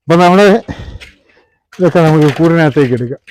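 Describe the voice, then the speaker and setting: A man's voice: a little high, fairly quick, darkish tone. A man casually talking through his work as a fish seller and vlog host. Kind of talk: casual vlog commentary while handling live fish. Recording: clear background noise with clicks.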